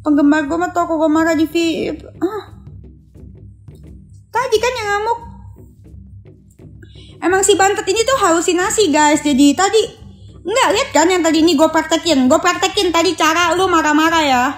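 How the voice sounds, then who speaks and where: A woman's voice: very high-pitched, normal speed, pauses often, faint music behind. A young woman ranting sarcastically on a phone live stream, mocking and mimicking someone. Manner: taunting, sarcastic, mimics others.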